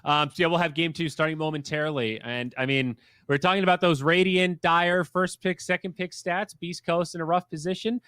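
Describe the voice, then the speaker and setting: A man casting a live esports match, talking quickly with animated, playfully sarcastic energy. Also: on the high side, clear, resonant tone, no room sound, clean studio sound. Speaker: esports caster.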